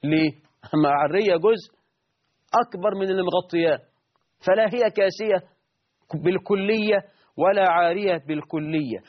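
A man preaching a sermon in an Egyptian Arabic accent, emphatic, rising sharply on key words and slowing down to stress lists. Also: high-pitched, muffled recording.

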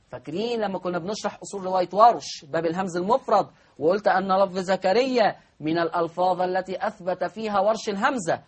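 Egyptian male teacher, high husky voice, quizzes listeners, drawls example words. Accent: Egyptian Arabic. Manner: drawls example words slowly, asks the class questions. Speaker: Quran recitation teacher. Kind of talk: spoken lesson on recitation rules.

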